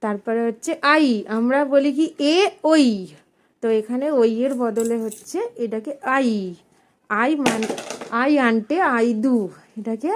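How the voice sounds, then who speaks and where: A woman teaching at home, speaking casually and patiently, repeating letters slowly and drawing out the sounds. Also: fairly high pitch. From India. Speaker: teacher of a language lesson. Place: home, with her small son nearby.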